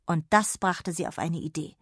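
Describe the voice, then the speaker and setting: Low-voiced woman reading a children's story. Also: moderate pace, husky, no echo, clean studio sound. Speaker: audiobook narrator. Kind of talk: scripted narration of a children's story.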